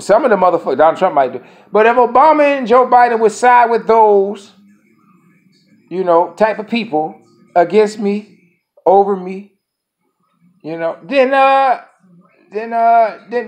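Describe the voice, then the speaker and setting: Rambling, profane man in his thirties. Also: high voice. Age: 30s. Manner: rambling, profane, repeats phrases. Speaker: vlogger. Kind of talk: casual monologue to camera.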